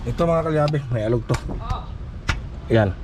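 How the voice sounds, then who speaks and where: A man's voice: fairly high pitch, normal speed. A man giving casual hands-on repair commentary as a mechanic vlogger, in short fragmented remarks while he works. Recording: noisy, vehicle sounds behind.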